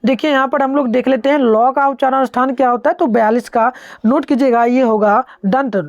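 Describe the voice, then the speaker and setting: A woman's voice: high voice, steady tone, brisk, no echo, muffled recording. A woman teaching an online exam-prep lesson, going through answers step by step and having students say sounds aloud.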